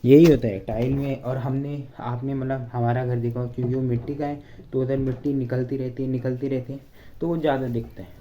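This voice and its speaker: This young Indian vlogger speaks briskly in a mellow, medium-pitched voice with a steady tone as he cleans his village home. Chatty and joking, he rambles to viewers, calls them "brothers," and sounds a bit breathless. With only a phone camera and no external mic, the recording is dull and lo-fi, echoing around the room.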